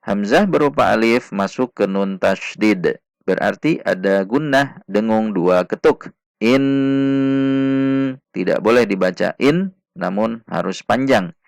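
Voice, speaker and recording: A man teaching Quran reading, patiently sounding out syllables one by one and chanting the verses slowly. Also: fairly low pitch, animated, gravelly, no echo, clean studio sound. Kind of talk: slow step-by-step recitation lesson.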